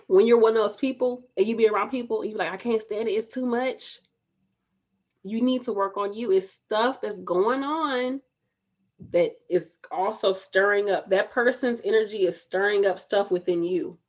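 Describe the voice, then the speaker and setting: A woman's voice: medium pitch, moderate pace, darkish tone, highs cut off. A woman in her thirties giving a casual, motivational talk straight to her viewers, emphatic and repeating lines to urge them on. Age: 30s. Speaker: spiritual vlogger. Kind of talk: motivational direct-to-camera talk.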